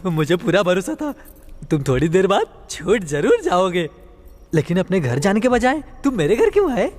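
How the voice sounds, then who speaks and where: A man's voice: sits high, sing-song, normal speed, darkish tone. A male dub actor playing a talkative, easily scared comic sidekick in a dubbed film. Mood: chattering. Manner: chattering, fearful, complaining. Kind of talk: Hindi film dub acting.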